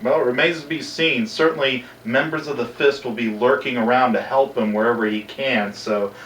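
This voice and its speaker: A man hosting a wrestling show, announcing upcoming matches in a smooth promo delivery. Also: medium pitch, fairly even intonation, moderate pace, fairly bright tone, slight background noise. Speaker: show host. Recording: echoey room, distant mic.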